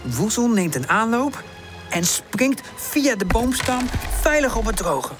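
A woman narrating a children's audiobook in an expressive storytelling manner. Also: on the high side, slow pace, over music.

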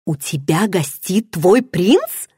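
A woman's voice: fairly low pitch, sing-song, slow, dark tone, breathy edge, dry recording, clean studio sound, heavily acted. A woman voicing a playful, nosy young pregnant friend who teases with pushy questions. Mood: teasing. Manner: teasing, bubbly, pushy questions.

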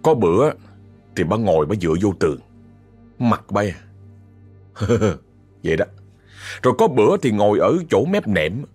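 A man's voice: on the low side, big pitch swings, normal speed, long pauses, darkish tone, slightly rough, faint music behind. A man with a Southern Vietnamese accent telling a ghost story in a chatty way, often speaking straight to his listeners. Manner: chatty, addresses listeners directly. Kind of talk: told horror story.

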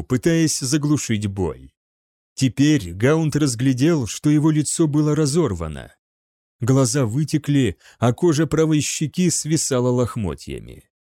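A man with a mid-range voice narrates an audiobook from a script, keeping an even, measured storytelling manner. The recording is dry and studio quality.

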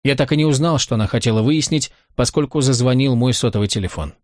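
A man's voice: mid-range voice, darkish tone, no echo. Man dryly narrating an audiobook. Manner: dry, ironic, measured. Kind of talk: first-person audiobook narration.

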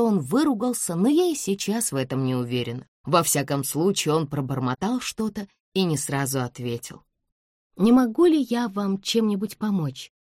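A woman narrating an audiobook in a measured storytelling manner. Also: low voice, darkish tone, no room sound, studio quality.

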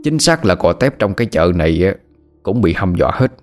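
A man's voice: sits low, very animated, fairly quick, soft background music. A man voicing a frightened, evasive old shopkeeper who talks in a whiny, pleading way. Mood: grim.

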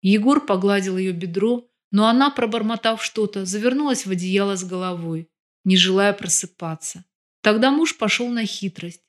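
A woman's voice: medium pitch, normal speed. Woman narrating an audiobook. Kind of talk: scripted narration.

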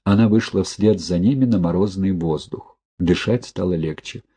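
A man reading a thriller novel aloud as an audiobook narrator in a steady, even storytelling manner. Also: sits low, moderate pace, breathy edge. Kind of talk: scripted narration.

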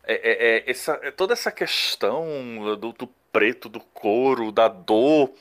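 A man talking casually on a podcast in a mid-pitched voice. He takes his time, trails off and restarts phrases while he hunts for the right word. His speech is steady and unhurried between those pauses. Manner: hesitant, searching for words with many restarts. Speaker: podcast co-host.

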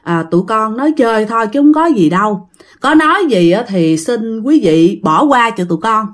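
A woman's voice: a little high, lively intonation, moderate pace, lightly acted. A woman voicing a frightened young man with a Southern Vietnamese accent, scolding his friends in exasperation. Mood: pleading.

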